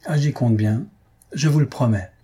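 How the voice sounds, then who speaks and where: A husky-voiced man reading aloud, voicing a polite, grateful young woman in a storybook. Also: mid-range voice, moderate pace, mellow, lightly acted. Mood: gentle.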